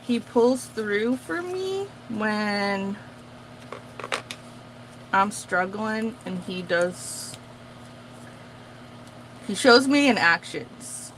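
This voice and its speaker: Very slow and pausing often, this young craft vlogger, a native Portuguese speaker, talks in a chatty, rambling way with many fillers as she works on her crafts. Her medium-pitched voice is expressive and a bit bright; the recording is rough with slight background noise.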